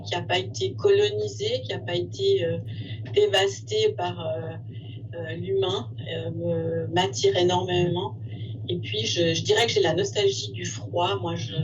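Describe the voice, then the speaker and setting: A woman from Finland, speaking softly and haltingly with many pauses. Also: lowish voice. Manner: soft, searching, many pauses. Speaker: expedition crew member. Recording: distant, dull call audio with noise.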